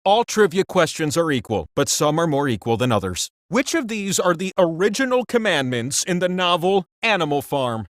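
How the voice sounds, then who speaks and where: A man's voice: on the high side, big pitch swings, moderate pace, hardly any pauses, no echo, clean studio sound. A man voicing a cheeky, vain giant talking wheel that hosts a comedic trivia video game with theatrical, mock-grand sarcasm. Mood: wry, mock-grand. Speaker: quiz game host. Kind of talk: comedic game show hosting.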